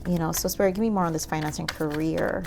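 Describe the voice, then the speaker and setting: A woman with a low voice and a gravelly edge gives a relaxed tarot reading. She muses aloud, fills her talk with "like" and "um," and asks spirit for answers as she pulls cards. Soft music plays underneath. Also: quick pace. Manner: musing, says "like" and "um" often, talks to spirit while pulling cards. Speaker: tarot reader.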